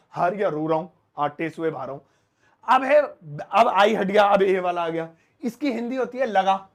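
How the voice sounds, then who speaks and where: A man teaching an English lesson in a casual, chatty way, stretching words out slowly as he writes them on the board. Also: sits high. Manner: lively, stretches words slowly when writing; talks to an off-screen helper.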